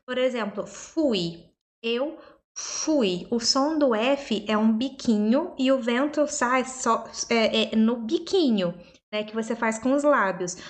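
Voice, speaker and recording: A young woman whose first language is Portuguese teaches English pronunciation at an unhurried pace. She breaks each word into its sounds and says it again and again, slowly. Her voice sits a little high. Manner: explains step by step, repeats words slowly. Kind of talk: pronunciation lesson.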